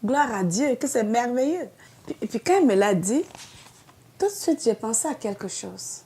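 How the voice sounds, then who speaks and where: A woman's voice: on the high side, lively intonation, normal speed, mellow. A woman pastor with a Québécois French accent giving an earnest devotional sermon, pleading and then rising to emphatic outbursts.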